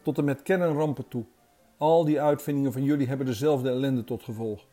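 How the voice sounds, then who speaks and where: A man's voice: medium pitch, steady tone, a little fast, warm tone, soft background music, lightly acted. A man voicing a talking male deer in a storybook, who speaks earnestly and urgently as a messenger.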